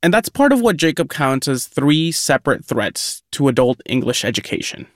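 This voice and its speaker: A man's voice: medium pitch, very animated, moderate pace, no room sound. A man reports on his story for a news podcast, explaining steadily and plainly. His voice sits in the middle range and sounds dry and close to the mic.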